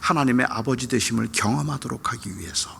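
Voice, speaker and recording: Middle-aged male pastor, very gravelly and forceful, storytelling sermon that jumps from shouting to whispers. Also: mid-range voice, quick pace, slight background noise. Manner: personal storytelling, swinging from loud outbursts to hushed whispers. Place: church sanctuary at a dawn service.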